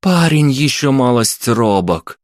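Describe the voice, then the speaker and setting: A man's voice: mid-range voice, big pitch swings, takes it slowly, no echo, clean studio sound, pitched above the performer's own voice. A man voicing a brash, self-assured young companion in an audiobook, mocking and coaxing in tone.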